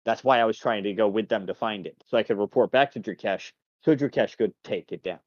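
A man doing a shrewd captive spy, steady and measured in his answers. The sound is dull and lo-fi, with a very dry, close feel. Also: lowish voice, dry recording, lightly acted. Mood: matter-of-fact. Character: shrewd male captive spy, calm and loyal to his lord. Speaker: game master. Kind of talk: tabletop role-play.

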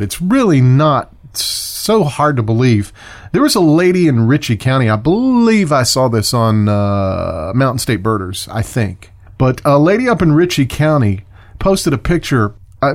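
A man hosting a casual birding podcast, talking in a rambling, chatty way with self-corrections and short rants. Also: medium pitch. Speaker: podcast host. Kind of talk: casual solo podcast talk.

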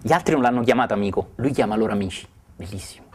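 A man giving a spiritual talk, retelling a sacred story with marveling, warm asides to his listeners. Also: medium pitch, rapid-fire. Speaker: spiritual teacher.

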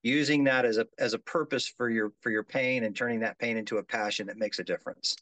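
A man's voice: mid-range voice, fairly even intonation, fast, fairly bright tone, no room sound, rough recording. A man in his fifties who grew up around the Gulf Coast, talking earnestly as a musician guest in an interview, restarting sentences often. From Gulf Coast of the United States. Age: 50s. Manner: earnest, restarts often, says "yes, sir". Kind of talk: casual interview chat.

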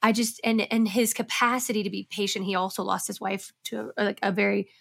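A woman's voice: mid-range voice, flat delivery, brisk, vocal fry. A woman guest on a podcast, speaking candidly and with passion, swearing freely as she talks. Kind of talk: casual interview chat.

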